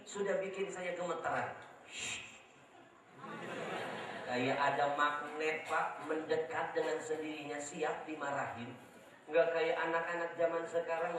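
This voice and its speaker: A male preacher gives a lively, joking sermon and keeps asking the crowd to agree with him. His voice is fairly high. It booms through a heavily echoing sound system, heard from some distance with noise clearly audible behind it. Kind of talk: sermon at a religious gathering. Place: large outdoor religious gathering.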